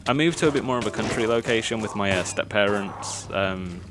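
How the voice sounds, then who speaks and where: Speaking at a normal pace in a fairly low voice, a young man from Birmingham, England, narrates gameplay in a mild Birmingham accent against background noise. As a gaming YouTuber, he keeps things casual, though he sounds self-conscious, filling gaps with "ums" and nervous laughter.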